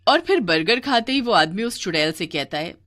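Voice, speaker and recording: A woman narrating a cartoon story in an expressive, storytelling manner. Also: medium pitch, a little fast.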